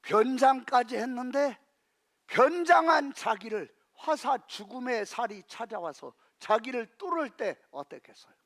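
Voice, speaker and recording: A male senior pastor preaching a sermon in a church, asking the congregation questions and rising to shouts. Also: very high-pitched, expressive, a little slow. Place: church sanctuary.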